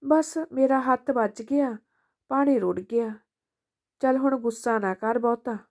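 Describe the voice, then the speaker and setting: A woman voicing an elderly mother who speaks softly and forgivingly to her son, in a storybook reading. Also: a little high, measured pace. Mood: pleading. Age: older.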